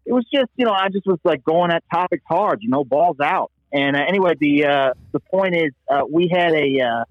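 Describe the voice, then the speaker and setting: A man phones in over a bad connection, his voice dull and lo-fi. He is from Pennsylvania and talks fast in a fairly high register. He rambles and halts as he tells his story. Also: expressive, no echo. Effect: phone call over a bad connection. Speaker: caller. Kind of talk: call-in to a comedy podcast.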